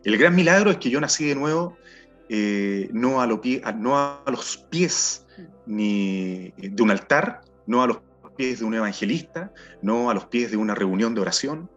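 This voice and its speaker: A middle-aged Chilean man telling his personal testimony in an earnest, halting way, often repeating words as he searches for them. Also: mid-range voice, animated, a bit bright. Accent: Chilean Spanish. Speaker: testimony speaker. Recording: dull sound with faint music behind.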